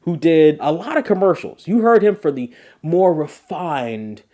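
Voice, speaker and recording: Male podcast host, energetic and chatty, gushing episode recap. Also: a little high, a little slow. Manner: enthusiastic, animated, repeats phrases for emphasis.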